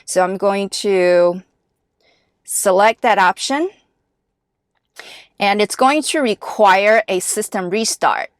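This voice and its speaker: Woman from Taiwan, first language chinese, car vlogger talking slowly through settings, dry close sound. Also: mid-range voice, no echo. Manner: chatty and explanatory, walking viewers through steps. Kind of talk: casual vlog narration. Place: inside her car.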